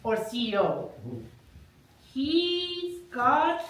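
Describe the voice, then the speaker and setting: A woman comedian with a high, bright-ish voice and lively intonation performs live prop stand-up very slowly. She delivers wry wordplay and chuckles at her own jokes, recorded in an echoey room with the mic at a distance.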